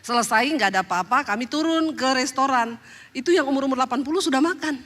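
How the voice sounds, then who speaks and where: A woman's voice: high-pitched, quick pace, a bit bright. A woman preaching a sermon, telling funny personal stories and often turning to the congregation in a chatty, joking way. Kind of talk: sermon told through humorous personal stories.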